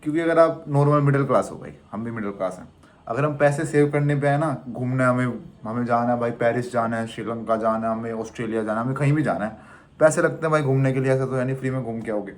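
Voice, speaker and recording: A man's voice: medium pitch, quick pace. A young man in his twenties, a travel vlogger from India, talking casually and animatedly to the camera. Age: 20s. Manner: animated, chatty, teasing the viewer as "bhai".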